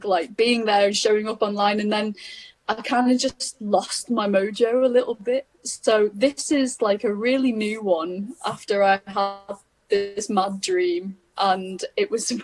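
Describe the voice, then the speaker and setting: A woman with a Liverpool accent chats loosely and warmly over a video call, her thoughts wandering as she talks. She sits at a middle pitch and laughs easily between phrases. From England. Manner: chatty, meandering, laughs easily. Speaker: guest singer-songwriter. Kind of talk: casual chat.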